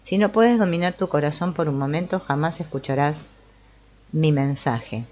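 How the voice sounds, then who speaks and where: A woman's voice: sits low, normal speed, highs cut off. A woman reading the lines of a refined, mysterious woman in a brothel, asking grave, searching questions.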